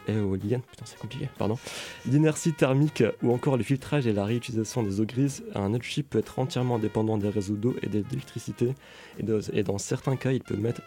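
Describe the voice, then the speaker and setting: A man's voice: lowish voice, dark tone. A young man reading a humorous, ironic radio column with playful asides.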